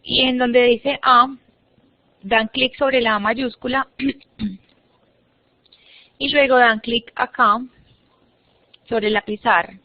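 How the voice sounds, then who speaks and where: A woman's voice: on the high side, steady tone, slow pace, pauses often, no echo. A woman teaching an online English class, patiently explaining step by step and modelling words for her students to repeat. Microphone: computer mic on a video call. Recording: muffled, dry online-class audio.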